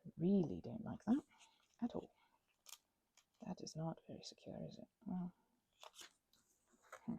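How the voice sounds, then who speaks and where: This crafting vlogger is a woman with a lowish, creaky, dark-toned voice who is very animated yet unhurried, leaving long pauses. She rambles casually in ASMR style, whimsically chatting to herself and the objects in her hands, sometimes sinking to a near-whisper. There's slight background noise.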